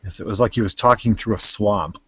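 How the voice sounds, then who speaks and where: A man's voice: on the low side, a little fast, a bit bright, slightly rough, no room sound. A man chatting casually as co-host of a live stream, rambling with lots of restarts and fillers, recorded on a home computer mic. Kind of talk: casual chat.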